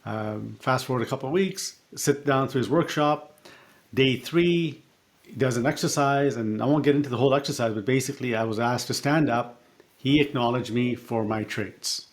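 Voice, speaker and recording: Middle-aged male coach as podcast guest; reflective, halting storyteller, mid-pitched. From born in Africa, raised partly in Canada. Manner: reflective, halting with fillers and restarts.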